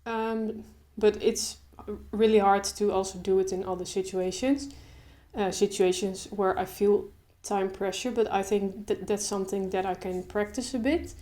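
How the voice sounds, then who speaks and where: A young woman who makes videos talks casually to the camera in a medium-pitched voice. She stutters openly, repeating sounds and pausing, before settling into a relaxed, slow way of speaking.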